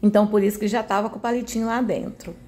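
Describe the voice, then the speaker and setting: Here the Brazilian home cooking host rattles through her recipe quickly in a flat, mid-range voice with a warm tone. There's a little hiss or hum behind her chatty, homely narration, which keeps adding tag questions.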